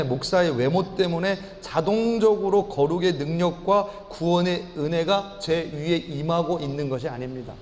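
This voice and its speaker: A man's voice: high-pitched, a little mellow. A middle-aged male pastor preaching a Sunday sermon and telling a personal story earnestly, with frequent restarts. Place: church sanctuary. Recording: church hall reverb.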